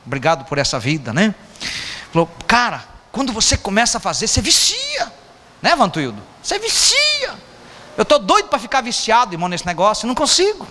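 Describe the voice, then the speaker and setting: A Brazilian pastor preaches a casual sermon, joking with his congregation between points. His voice is high and bright, rising and falling a lot. It carries through a long-echoing church hall with a faint hiss underneath. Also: sing-song, fast. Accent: Brazilian Portuguese. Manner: joking, chatty, teasing the congregation. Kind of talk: informal sermon.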